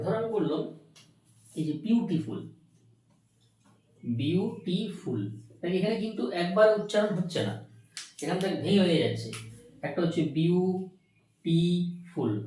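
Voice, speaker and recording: Male teacher, high lively voice, spells words out slow, mic far off in a really echoey room. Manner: asks students questions, then answers them himself; spells words out slowly and repeats them. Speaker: English grammar teacher. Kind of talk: classroom grammar lesson. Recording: very echoey room, recorded from afar.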